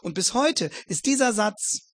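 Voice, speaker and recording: A man's voice: sits high, lively intonation, a little slow, no room sound, studio quality. A man preaching a Bible exposition sermon, earnest, addressing his listeners formally and building emphatic repetitions.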